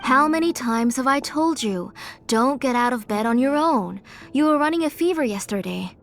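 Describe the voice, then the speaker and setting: A woman's voice: high-pitched, lively intonation, moderate pace. A woman playing a worried auntie in a video game, scolding a child out of care. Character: anxious, caring auntie raising a sick girl. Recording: music behind the voice.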